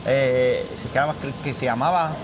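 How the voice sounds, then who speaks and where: A man's voice: mid-range voice, moderate pace, noisy background. A man hosting a casual interview, chatty and rambling, repeating himself as he talks. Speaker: host. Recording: music playing behind.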